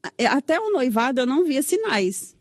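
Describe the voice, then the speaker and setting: In a dry, clean studio recording, a woman from São Paulo with a Brazilian accent shares an emotional personal testimony as an interview guest. Her high-pitched voice swings widely in pitch and moves briskly, and she recounts events with lots of quoted dialogue, tagging sentences with "né?".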